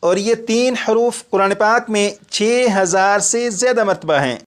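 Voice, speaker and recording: A man teaching Quran recitation as a classroom lesson, patiently repeating each point and sounding out letters slowly. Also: high voice, clean tone.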